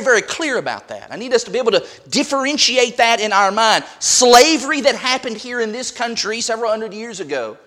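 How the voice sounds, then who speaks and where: Male pastor, high and animated delivery, preaching to a congregation in church. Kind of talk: sermon.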